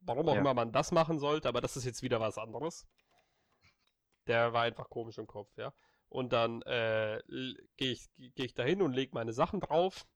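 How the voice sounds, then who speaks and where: A man telling a story in casual chat, animated and blunt, dropping slang freely. His voice sits at a middle pitch. The recording is dry and close, with no room sound. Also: moderate pace, dry recording. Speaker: friend chatting.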